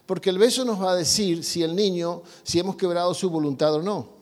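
A man's voice: sits high, a little fast, a little mellow. A man preaching on parenting, talking to the congregation with many rhetorical questions. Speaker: pastor. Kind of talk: sermon on parenting. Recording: long reverb in a hall.

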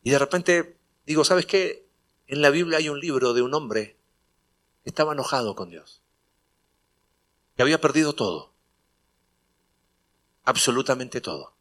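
Male preacher, bright tone, mid pitch; storytelling sermon that builds to emphatic points. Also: animated, normal speed, pauses often. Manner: conversational storytelling, acting out dialogue, rising to emphatic preaching. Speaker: pastor. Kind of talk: sermon with personal anecdote.

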